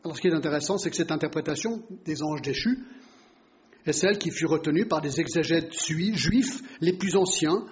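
A man's voice: a little high, fairly quick. A man giving a Bible teaching sermon, explaining and putting rhetorical questions to his listeners. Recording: dull lo-fi recording.

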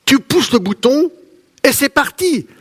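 A man with a high-pitched voice preaches to his congregation. His delivery is conversational and lively, full of asides, repetitions and playful touches between the serious points. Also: unhurried. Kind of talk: sermon.

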